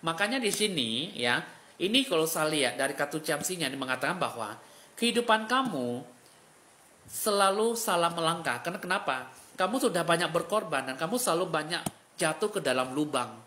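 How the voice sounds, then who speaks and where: A man's voice: fairly high pitch, lively intonation, brisk, sharp tone. A man giving a live fortune reading as a spiritual fortune-teller, in a dramatic, pitying and emotional way.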